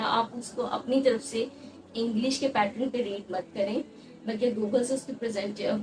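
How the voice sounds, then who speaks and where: A woman's voice: on the high side, far from the mic, background noise. A young woman, a fashion design student, giving earnest advice in a casual vlog, mixing English words into her talk.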